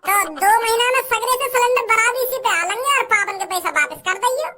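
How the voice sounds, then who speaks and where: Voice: very high voice, fast. A performer voicing a coaxing, scheming elder brother in a cartoon. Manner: coaxing, persuasive. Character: scheming elder brother, village young man. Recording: loud crowd noise behind.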